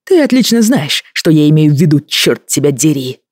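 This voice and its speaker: A proud, hot-tempered young Scottish husband, read aloud by a storyteller presses his words out in clipped, forceful bursts that climb toward shouting. The recording is close and dry, with no room sound. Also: mid-range voice, sing-song, moderate pace, no room sound. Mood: furious.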